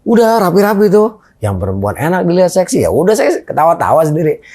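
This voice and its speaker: Middle-aged man, dark voice. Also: sits high, fast talker. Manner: animated, re-enacts dialogue in his story. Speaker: guest storyteller. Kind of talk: casual spoken anecdote.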